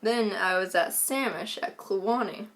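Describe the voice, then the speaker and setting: A woman co-hosting a casual chat, telling a long story with many "like"s and deadpan asides. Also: medium pitch, slow. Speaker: co-host.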